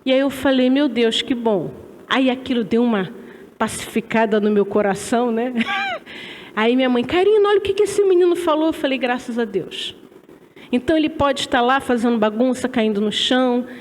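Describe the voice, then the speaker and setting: A woman from Brazil giving a spiritist religious lecture in a lecture hall, animated and chatty as she tells stories. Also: on the high side, moderate pace, slight background noise.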